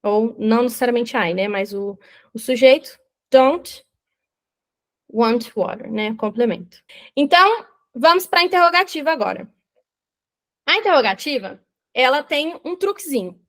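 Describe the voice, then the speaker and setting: A young woman with a Brazilian Portuguese accent teaching an online English grammar lesson in a lively, explanatory way, often checking in with her students. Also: fairly high pitch, moderate pace, long pauses.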